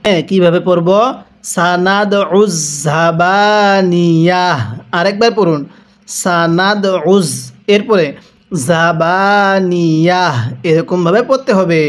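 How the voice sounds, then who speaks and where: A patient Quran reading teacher talks very slowly. He spells out each syllable and then has listeners repeat the word after him. His pitch sits in a middle range. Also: fairly even intonation. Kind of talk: slow spelled-out recitation lesson.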